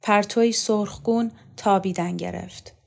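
A woman reads a literary novel aloud in a calm, measured storytelling voice. Her pace is deliberate, and she gives each sentence its own weight. Her pitch sits in the middle range. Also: vocal fry. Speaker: audiobook reader. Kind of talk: scripted literary narration.

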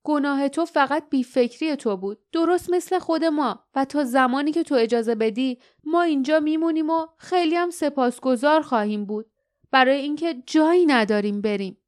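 A woman voicing a sturdy village woman dressed in blue, earnest and regretful, in an audiobook. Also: natural voice. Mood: forgiving. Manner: earnest, low murmur of regret.

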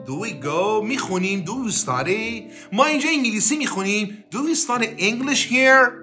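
A man's voice: high-pitched, pushed and bright. A man teaching English on a podcast, coaching listeners through repeated drill phrases. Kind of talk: podcast language lesson.

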